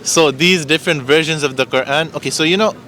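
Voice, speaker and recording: Male street debater, rapid delivery, bright forceful voice, insistent and explanatory. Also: fairly high pitch, a little hiss or hum. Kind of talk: impromptu religious debate. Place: outdoors on an urban street.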